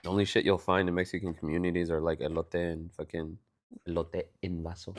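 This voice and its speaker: Speaking fairly quickly in a low voice with little pitch movement, this young podcast co-host from Texas keeps things casual. He recounts conversations, cursing liberally along the way.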